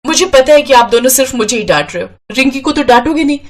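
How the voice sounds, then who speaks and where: A shrill, hot-tempered young twin sister from a cartoon story, as a woman puts her on. She talks high, loud and fast, with an angry, scolding edge. A sharp-tongued girl who snaps at everyone. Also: expressive. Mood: defiant.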